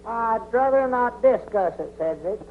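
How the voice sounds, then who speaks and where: An actor playing a gullible old country storekeeper with a drawl, folksy and quick to holler, in 1940s film comedy. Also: male voice, very high-pitched, expressive, exaggerated voice. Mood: grumbling. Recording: tinny, hissy 1940s film soundtrack.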